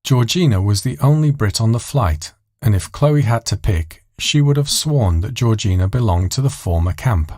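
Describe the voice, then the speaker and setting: A male narrator reads a scripted story. His voice sits on the low side and moves expressively up and down, captured close and dry. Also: expressive, normal speed, hardly any pauses, a little mellow, no echo.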